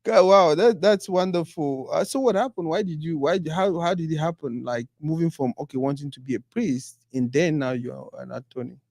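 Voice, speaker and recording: A man from Cameroon hosting an interview, asking lively questions and murmuring frequent agreement. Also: on the high side, moderate pace, gravelly, few pauses, dry recording, studio quality. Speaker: interview host. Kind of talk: interview conversation.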